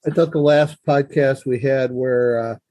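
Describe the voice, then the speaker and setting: A man's voice: medium pitch, steady tone, unhurried, warm tone. A man co-hosting a hobby podcast, telling a self-deprecating joking story in casual chat. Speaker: podcast co-host.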